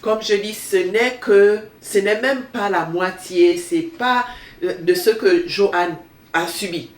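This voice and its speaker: Woman with a thin, reedy, nasal voice, roomy sound. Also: medium pitch. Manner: halting, repeats phrases for emphasis. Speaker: host of a book show. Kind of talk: unscripted book discussion. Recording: roomy echo, distant mic, faint noise.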